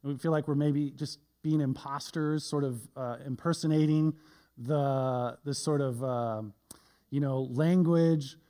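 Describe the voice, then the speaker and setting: A man's voice: medium pitch, fairly even intonation, unhurried, warm tone, clean tone. A male pastor giving a conversational sermon with self-deprecating humor, often tagging his points with "right?".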